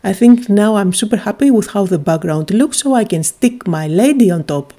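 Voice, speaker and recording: Her voice is warm, expressive, and medium in pitch, moving at a moderate pace. She's a Greek woman happily talking viewers through a craft tutorial, with frequent little "uh" fillers along the way.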